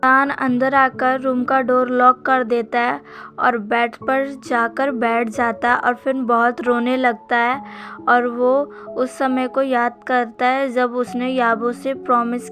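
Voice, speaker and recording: A woman narrating a fan-fiction story in a steady, plain retelling. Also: on the high side, slow pace. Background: faint music.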